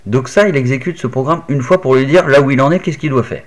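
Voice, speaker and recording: A man's voice: mid-range voice, quick pace. A man casually walking the viewer through a hands-on electronics tutorial, step by step, with little fillers like "hop" and "tac". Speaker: maker explaining an Arduino project. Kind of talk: casual screen-recorded tutorial.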